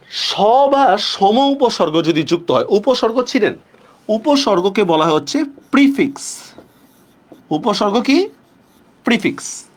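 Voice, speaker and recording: Male tutor, fairly high and very animated, drills rules slowly and keeps asking the class questions. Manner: asks students frequent check-questions; stretches words slowly when stressing rules. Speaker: teacher. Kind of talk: online class lecture.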